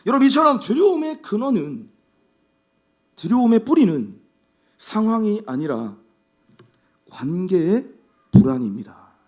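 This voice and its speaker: A man preaching a Sunday sermon in a strikingly high voice. His pitch swings widely as he drives his points home with repeated phrases and rhetorical questions. The delivery is that of a senior pastor addressing his church. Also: very animated, measured pace, pauses often, a little mellow. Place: church sanctuary.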